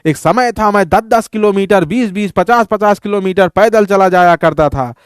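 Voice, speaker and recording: A man's voice: sits high, moderate pace, clear, resonant tone, no echo, studio quality, natural voice. A man voicing a grumbling old grandfather who complains about young people and boasts about the old days.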